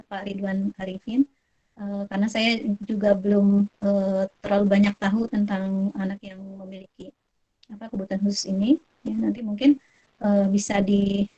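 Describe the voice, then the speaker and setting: A woman from Indonesia answering parents' questions in a webinar, relaxed and chatty, with many fillers and soft laughs. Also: mid-range voice. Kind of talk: live webinar Q&A on child development. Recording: dull lo-fi online call audio.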